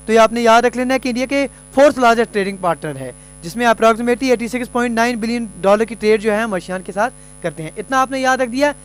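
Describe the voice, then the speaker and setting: A male coaching teacher giving an exam prep lecture, explaining each point and then repeating it, reading English passages slowly. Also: very high voice, smooth.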